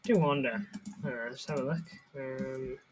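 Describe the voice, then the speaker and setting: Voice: medium pitch, unhurried, noisy background. Casual football watchalong streamer. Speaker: livestream watchalong host. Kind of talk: casual live football commentary.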